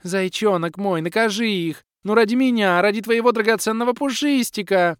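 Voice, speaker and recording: A man's voice: high voice, normal speed, clean tone, no echo, studio quality, pitched above the performer's own voice, natural voice. A man voicing a spoiled, pampered young woman who pleads and pouts in a whiny, sing-song way, in an audiobook reading. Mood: wheedling.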